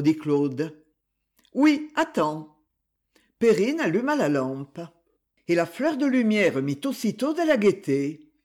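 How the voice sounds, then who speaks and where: A man's voice: high voice, a little mellow, husky. A man reading a novel aloud as narrator, changing his voice for the characters' lines. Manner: reads dialogue with shifts in voice for each character. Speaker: audiobook narrator. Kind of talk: scripted narration.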